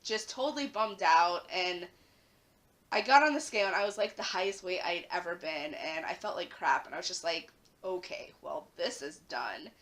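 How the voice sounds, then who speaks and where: Recovering from the flu, a young woman chats to her camera at home in a raspy, slightly hoarse voice that sits on the low side yet sounds a bit bright. She talks at normal speed, full of "like" fillers and rising emphasis.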